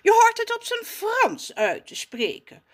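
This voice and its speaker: Woman putting on a posh, sneering gentleman. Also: extremely high pitch, wildly swooping pitch, measured pace, voice pushed up, full character voice. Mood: snooty. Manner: posh, condescending, mocking. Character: snooty posh male cousin, teasing and pompous. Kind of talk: storybook character voice.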